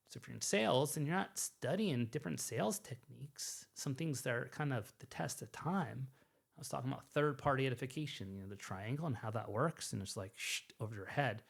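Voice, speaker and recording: A man's voice: medium pitch, fairly bright tone. A middle-aged man who runs a business, talking in a rambling, emphatic late-night monologue, repeating himself and restarting phrases. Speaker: business owner.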